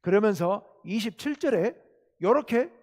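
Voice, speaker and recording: A male pastor preaching a Wednesday sermon, animated and acting out quoted lines with sudden loud bursts. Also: high voice, moderate pace. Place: church sanctuary. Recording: church hall reverb.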